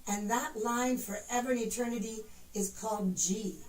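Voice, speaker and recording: At a moderate pace, a woman with a fairly high pitch teaches piano, counting and demonstrating notes in a patient, encouraging way. It's recorded indoors on a distant mic, so the sound is roomy with echo and faint piano.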